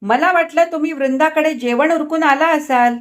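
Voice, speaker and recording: Furious accusing young wife, voiced by a woman reader, high and shrill. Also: moderate pace, lightly acted.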